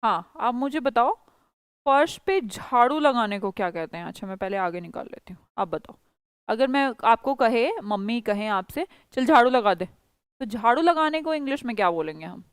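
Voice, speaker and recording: A woman's voice: a little high, animated, normal speed, clean tone, no room sound, clean studio sound. A woman teaching a spoken English class, coaxing students and quizzing them by repeating phrases.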